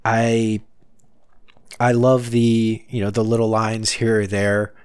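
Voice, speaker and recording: Relaxed man co-hosting a podcast. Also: on the low side, slow pace, clear, resonant tone, no echo. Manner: relaxed, hesitant, many restarts. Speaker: podcast co-host. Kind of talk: casual chat.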